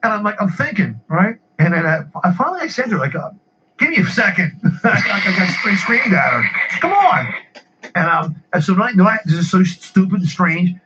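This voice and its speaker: A man's voice: sits high, lively intonation, fairly quick, few pauses, pushed and bright. A man telling rambling stories in casual chat, repeating his words and laughing at his own tales. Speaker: podcast regular. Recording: muffled lo-fi with faint hiss.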